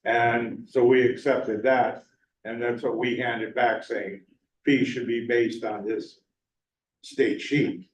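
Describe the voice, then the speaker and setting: Male resident at public forum, earnest and deliberate, off-mic in a roomy, dull meeting-hall recording. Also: medium pitch, level tone, recorded from a distance. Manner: earnest, measured, slows to stress points. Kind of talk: public comment at a town meeting. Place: town meeting room.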